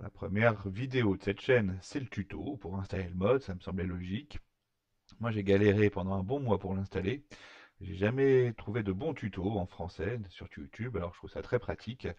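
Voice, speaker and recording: A man talking through a screen-recorded software tutorial, hesitant, with many fillers and restarts. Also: lowish voice, no room sound, dull audio. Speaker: tutorial maker.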